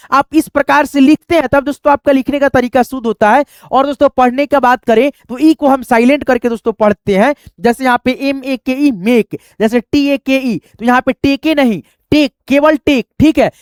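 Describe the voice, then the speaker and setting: A man's voice: very high-pitched, clear, resonant tone, no room sound, clean studio sound. A man teaching English pronunciation in a patient, repetitive way, spelling words out letter by letter and often addressing his listeners as friends. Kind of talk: spoken lesson.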